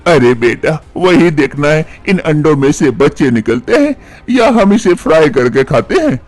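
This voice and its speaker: Man doing a naggy mother-in-law, bouncy pitch, dry close sound. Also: sing-song, normal speed, darkish tone, dry recording. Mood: scolding. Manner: nagging, scolding. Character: older mother-in-law, scolding and bossy.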